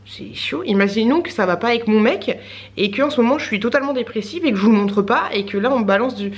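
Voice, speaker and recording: Woman vlogging, rambly casual chat, kinda high voice, lots of euh and laughs. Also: quick pace. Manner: chatty, rambling, frequent fillers and laughs.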